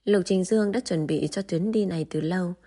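Mellow woman reading a novel aloud. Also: lowish voice, fairly quick, husky. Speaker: audiobook narrator. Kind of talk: scripted narration.

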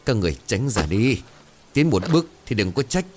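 Man doing a panicked grieving son, yelling, voice swings up high. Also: sing-song, fairly quick. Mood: frantic. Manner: desperate, shouting. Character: frantic middle-aged man, grieving son.

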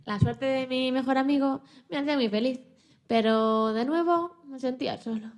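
For a children's radio play, a woman voices a timid, hopeful young male dog telling his own story. Her high-pitched, natural voice is expressive and a bit halting, moving from lonely to hopeful.

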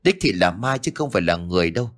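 A man's voice: sits low, expressive, fast talker. A man voicing an old village chief in a ghost story, his speech shaky and stammering with fear. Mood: terrified. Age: older.

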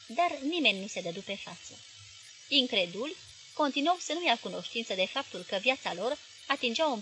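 Woman reading a novel aloud, bright clear voice, a bit high, expressive. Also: rough recording. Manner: expressive, measured. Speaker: audiobook reader. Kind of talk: literary audiobook narration.

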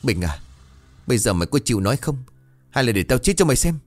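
A man voicing a distraught elderly village mother, shrill and wailing. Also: big pitch swings, fast talker, faint music behind.

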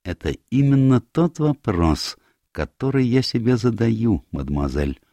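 A man voicing a fussy little Belgian male detective in an audiobook, speaking in a precise, measured, insistent way. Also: medium pitch, big pitch swings, mellow, no echo, pitched above the performer's own voice. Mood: grave. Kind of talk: audiobook character voice.

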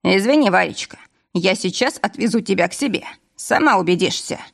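A woman's voice: medium pitch, animated, brisk, creaky. A woman reading an audiobook voices a drunk middle-aged man, a candy-factory director who hiccups and talks with slurred familiarity. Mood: tipsy.

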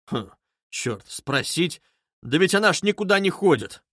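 A man doing a gruff, impatient caller. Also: high-pitched, very animated, measured pace, bright, forceful tone, dry recording, clean studio sound, heavily acted. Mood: grumbling, impatient. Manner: blunt, grumbling, cursing. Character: gruff impatient grown man knocking at a door.

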